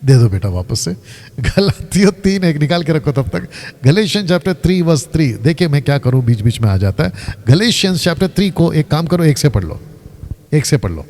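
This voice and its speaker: A man, a pastor teaching live from the Bible in an animated way, stopping his reader and quizzing the audience. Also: a little high, a little slow. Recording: long hall reverb.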